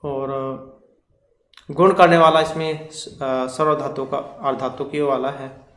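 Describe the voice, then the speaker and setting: A man leads an exam-prep grammar lesson, working through each question in careful steps and rattling off long lists of terms. His voice sits a little high. The room around him rings with echo. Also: steady tone, takes it slowly, a bit bright. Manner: explains step by step, lists terms in runs. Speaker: teacher.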